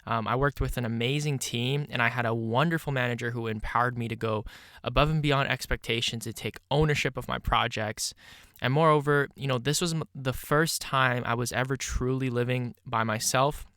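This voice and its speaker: A man's voice: mid-range voice, fairly even intonation, normal speed, a bit bright, dry recording, studio quality. A man of twenty-one with a stuffy nose hosting his own podcast, talking casually and reflectively with lots of "you know" fillers. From Canada. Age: 20s. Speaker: podcast host. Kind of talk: solo podcast monologue.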